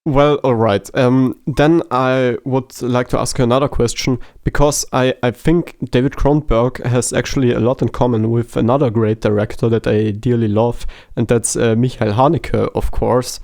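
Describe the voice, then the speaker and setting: A man's voice: mid-range voice, fairly even intonation, normal speed, creaky, few pauses, a little mellow, no echo, studio quality. A man co-hosting a podcast, chatting casually about a film in a hesitant, joking way with many fillers, a native German speaker. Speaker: podcast co-host.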